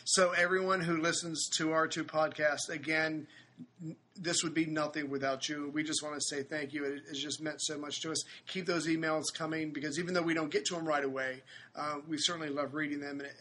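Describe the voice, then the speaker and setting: A man from Chicago cohosting a podcast, chatting casually and joking while quickly agreeing with his guest in a hotel room. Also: on the high side, flat delivery, bright, forceful tone, slight background noise. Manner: jokey, affirming, quick to agree. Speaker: podcast host. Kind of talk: casual chat.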